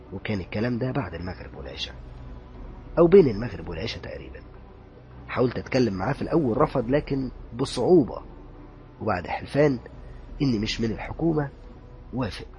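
A man with an Egyptian accent narrating a horror story in a dramatic way, dropping to a hush at tense moments. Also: medium pitch, dull audio. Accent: Egyptian Arabic.

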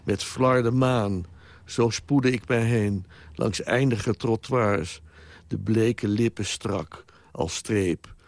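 Slow, solemn male poetry reader. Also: lowish voice, no echo. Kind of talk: poetry recitation.

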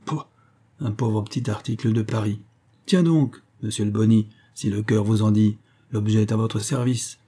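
A man's voice: fairly low pitch, steady tone, normal speed, dark tone, slightly rough. A man playing a jaunty, chatty Parisian castaway who jokes in colloquial speech, in an audiobook.

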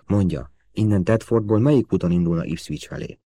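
A man reading the lines of a brisk male intelligence officer who gives clipped orders. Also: sits low, mellow, no room sound.

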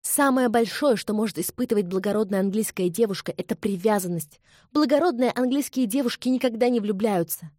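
A woman's voice: brisk, a little mellow, dry recording, clean studio sound, close to an everyday voice. Woman voicing a flustered young English lady. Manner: high-strung, breathless and exclaiming.

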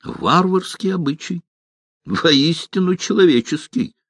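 A man's voice: medium pitch, sing-song, unhurried, dry recording, clean studio sound. A man voicing a stout, greedy male halfling merchant who talks in a coarse, blustering way.

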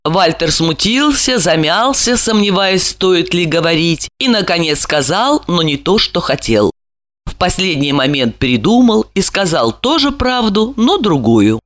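A woman narrating an audiobook in an expressive storytelling manner. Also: lowish voice, measured pace, dry recording.

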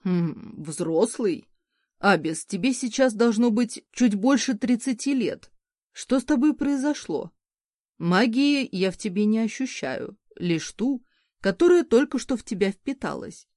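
A woman voicing a calm, teasing mage husband. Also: on the high side, no room sound, studio quality. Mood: probing. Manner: soft, calm and measured.

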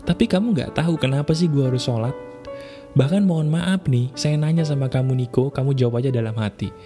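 A man, hosting an advice show and answering listener emails in a casual, lively way, mixing slang and acting out quoted voices. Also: mid-range voice, fairly quick. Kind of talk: casual spoken advice monologue. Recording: soft guitar music behind.

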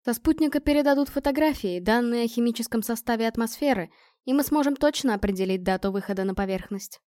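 Calm young guy explaining stuff, reassuring, woman reading it, audiobook, dry sound. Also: fairly high pitch, fast talker, no room sound, natural voice.

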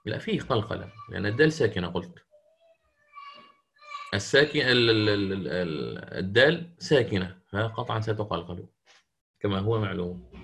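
A man teaching recitation rules in a recorded lesson, explaining step by step with frequent drawn-out filler pauses. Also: on the low side, expressive, creaky, a bit bright. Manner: demonstrates recitation slowly and melodiously.

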